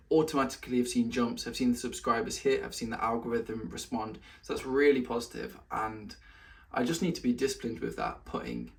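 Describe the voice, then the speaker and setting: A man talking straight to the camera in a relaxed weekly update. His voice sits at an ordinary middle pitch, and he sounds a little out of breath as he chats through his plans. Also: gravelly. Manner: chatty, talks to his cat in a high sing-song voice between points. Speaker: vlogger giving weekly update. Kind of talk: casual solo update vlog.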